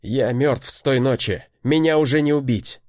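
A man voicing Dex, an enraged young man who roars and shouts in desperate fury. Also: medium pitch, moderate pace, no echo, clean studio sound, close to an everyday voice. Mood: raging. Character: enraged wounded young man, fierce protector.

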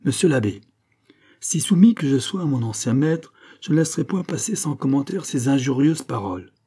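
A man's voice: mid-range voice, animated, moderate pace, warm tone, slightly rough, voice pushed up. A man playing a fervent young revolutionary. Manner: fervent, rousing. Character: earnest young male revolutionary leader.

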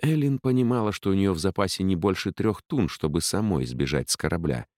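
A man narrating a fantasy audiobook with dramatic, expressive storytelling. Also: deep voice, brisk, no echo, studio quality.

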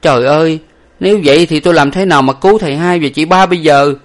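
A man voicing a clumsy, panicky young male servant in a storybook, with a loud, flustered manner. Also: a little high, fast talker, pitched above the performer's own voice, natural voice.

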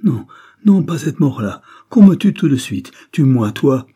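A man voicing a terrified male bandit captain who begs and cries out, frantic and rising in pitch. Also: normal speed, dark tone, slightly rough, close to an everyday voice. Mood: terrified pleading.

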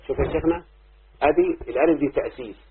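A sheikh with an Egyptian Arabic accent lectures a classroom on Arabic rhyme, repeatedly stopping to quiz his students with the same questions. His voice is on the high side and very fast, captured on a very tinny lo-fi recording with slight background noise.

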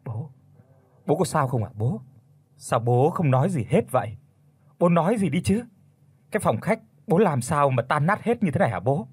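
A man's voice: a little high, very animated, normal speed, pauses often, husky, full character voice. A man voicing a worried young adult son pleading with his silent father. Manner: anxious, pleading questions.

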